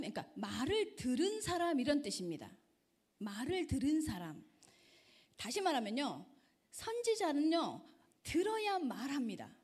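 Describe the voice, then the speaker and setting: A middle-aged woman missionary preaches to a youth group with a high, lively voice. She keeps throwing questions at her listeners and swings her pitch widely. Her delivery is animated and engaging. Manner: animated, keeps quizzing the audience. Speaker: missionary guest speaker.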